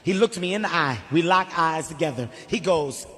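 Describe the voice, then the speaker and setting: A man doing a stand-up routine, loud and animated with slangy storytelling. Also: a little high, moderate pace, in a large hall. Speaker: stand-up comedian.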